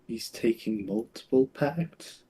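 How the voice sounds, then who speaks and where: A man's voice: mid-range voice, animated, slow pace, mellow, a little hiss or hum. A man chatting casually as a player at a tabletop role-playing game.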